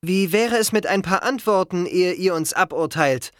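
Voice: mid-range voice, normal speed, clear, resonant tone, dry recording, studio quality, pitched above the performer's own voice, natural voice. An audiobook reader voicing Jason, a confused teenage boy who bluntly demands answers. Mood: impatient.

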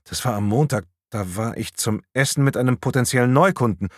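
A man's voice: medium pitch, a little fast, dry recording, clean studio sound, natural voice. Shaken husband under questioning, stammers and protests, read by a man. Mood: defensive. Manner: stammering, disbelieving. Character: bewildered accused husband.

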